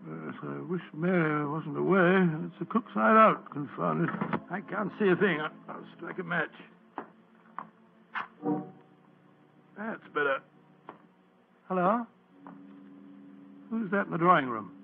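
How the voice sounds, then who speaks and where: An actor playing an earnest, self-important older British gentleman doctor with a stammering, bumbling manner, in 1940s radio drama style. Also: fairly high pitch, measured pace, vocal fry, long pauses, noisy background. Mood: grumbling. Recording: muffled, lo-fi old radio recording.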